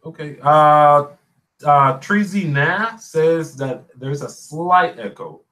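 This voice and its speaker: Excitable chatty man, bright lively voice. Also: fairly high pitch, slow pace, rough recording. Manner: excitable, chatty, says dude and bro a lot. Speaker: podcast host. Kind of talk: casual livestream chat.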